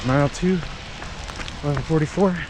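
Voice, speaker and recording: A higher-pitched male voice, a little fast, with background noise. He's a running vlogger on a rainy outdoor jog, explaining things casually in short, broken bits of speech.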